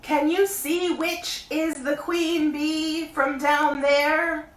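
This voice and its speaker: A woman voicing a gentle, simple-minded male teddy bear in a storybook reading, speaking in a slow, earnest loud whisper. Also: high voice, level tone, voice pushed up. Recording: roomy, distant mic.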